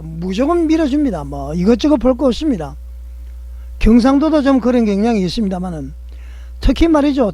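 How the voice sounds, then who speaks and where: A man's voice: very high-pitched, mellow, no room sound. A man hosting political commentary in a rhetorical style, putting questions to the audience and leaning on a stretched filler between phrases.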